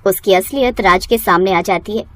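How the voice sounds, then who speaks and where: A woman narrating a family storybook cartoon in an expressive, scripted way. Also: medium pitch, normal speed.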